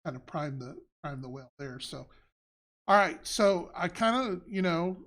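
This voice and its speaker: A man's voice: fairly high pitch, expressive, measured pace, a bit bright. A man hosting a casual live stream, rambling through answers with restarts and fillers. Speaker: game company head and show host. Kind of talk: casual livestream chat.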